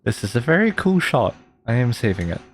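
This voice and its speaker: Fairly quick and very animated, a man with a mid-range voice streams himself playing a game. He reacts casually with slang and exclamations, and game music can be faintly heard behind him.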